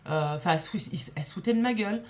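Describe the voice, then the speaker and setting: A woman vlogger with a lowish, slightly mellow voice talks very fast as she casually tells a story to camera. She's emphatic and indignant, swears freely, and acts out the people she quotes.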